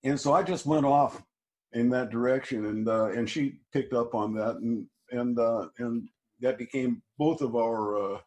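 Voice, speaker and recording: A man in an interview, telling a story in a halting way with many restarts and fillers. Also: mid-range voice, fairly even intonation, darkish tone. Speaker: interview guest, musician. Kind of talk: casual storytelling.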